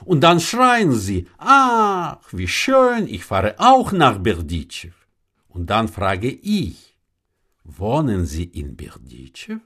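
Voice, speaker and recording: A wry old traveler speaks in unhurried, sighing explanations and answers questions with questions, as a man puts him on. His pitch rises and falls sharply, and he takes his time. He sounds patient and shrewd. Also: huge pitch swings, a bit bright, slightly rough, heavily acted. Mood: knowing.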